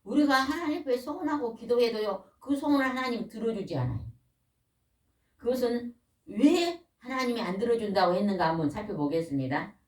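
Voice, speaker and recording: A middle-aged woman preaching a sermon in a small church. She questions the congregation and waits for answers, and she slows down to stress key words. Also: a little high, lively intonation. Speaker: pastor's wife preaching. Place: small church or worship room. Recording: roomy echo, voice from a distance.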